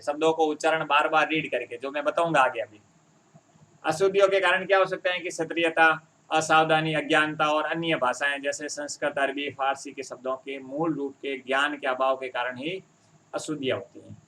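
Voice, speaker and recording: A man's voice: fairly high pitch, bright, forceful tone. A man teaching a Hindi grammar lesson, explaining step by step and often checking that his students follow.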